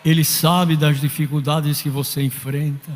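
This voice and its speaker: A man's voice: fairly high pitch, level tone, normal speed. A man preaching a fervent sermon as pastor in a church, telling stories and acting out the people in them. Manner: fervent preaching with story-telling and quoted voices. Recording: long hall reverb.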